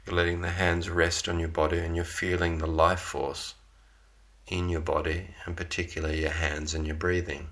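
A man gently guiding a yoga class through a slow, calm relaxation with long pauses. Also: low-pitched. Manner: slow, soft, unhurried guidance with long pauses. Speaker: yoga teacher.

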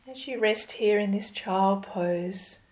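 A woman leading a yoga class as instructor, giving calm, gentle, step-by-step cues in an unhurried way. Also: mid-range voice, poor audio. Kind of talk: slow guided yoga instruction.

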